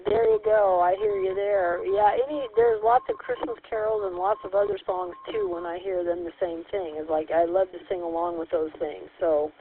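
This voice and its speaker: A woman hosting a radio net check-in, heard over a two-way radio, speaking in a friendly, measured way with hesitant fillers. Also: fairly low pitch, fairly even intonation. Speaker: net control host. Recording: tinny two-way radio with faint static.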